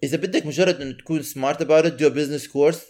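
A man's voice: fairly high pitch, fast talker, a little mellow. A man with a Levantine Arabic accent chatting casually as a podcast co-host, switching between Arabic and English mid-sentence.

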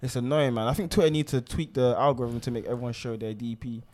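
Fast-talking young London man. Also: mid-range voice, fairly even intonation, a little mellow. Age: young adult. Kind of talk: casual group chat, heavy slang.

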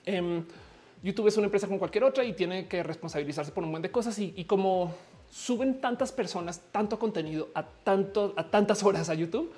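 A fast-talking Mexican woman hosting her own live stream. Her talk is casual and joking, full of fillers and false starts, at a middle pitch. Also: mellow. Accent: Mexican Spanish. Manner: chatty, joking, many fillers and restarts. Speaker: livestream host.

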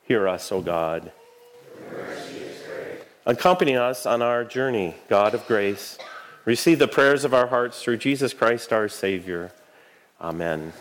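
A man speaking as a Lutheran pastor, leading prayers and liturgy in a measured, solemn, formal way. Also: on the low side, expressive, slight background noise.

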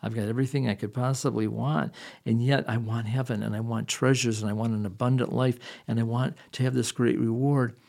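Male preacher, earnest and conversational, husky gravelly voice. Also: medium pitch, fairly even intonation, a little fast, darkish tone. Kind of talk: sermon.

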